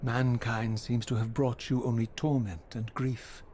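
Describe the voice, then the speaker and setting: A man's voice: mid-range voice, flat delivery, a little slow, a little mellow, slight background noise, lightly acted. An actor playing an embittered, proud undead male wraith, speaking with grave, theatrical formality in a video game drama. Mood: grave, questioning.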